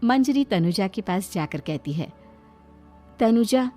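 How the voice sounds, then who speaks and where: A woman narrating a family cartoon story in a steady, expressive storybook style. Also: medium pitch, normal speed, faint music behind.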